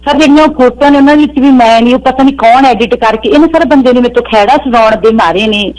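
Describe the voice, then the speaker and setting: A woman's voice: a little high, quick pace, darkish tone, rough recording. A woman calling in to a radio show, earnestly pleading her case and calling the host sir. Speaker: caller. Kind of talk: emotional phone-in account.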